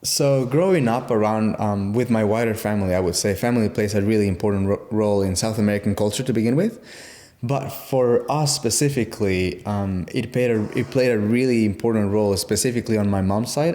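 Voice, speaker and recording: A young man from Guatemala, reflecting on his upbringing in a casual interview, with pauses and restarts. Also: on the low side, darkish tone. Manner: reflective, halting, with fillers and restarts. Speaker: interview guest.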